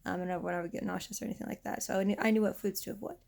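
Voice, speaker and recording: A young woman in her twenties, hoarse from losing her voice, rambling casually in a vent vlog while lying down. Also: medium pitch, fairly even intonation, very fast, darkish tone. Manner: lying down, rambling with many restarts. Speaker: vlogger.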